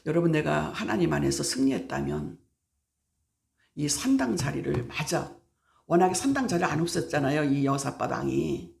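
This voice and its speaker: At a prayer meeting, a middle-aged woman pastor speaks in a low, creaky, slightly mellow voice, animated but at a moderate pace. Emphasis comes through repeated key words and acted-out everyday exchanges.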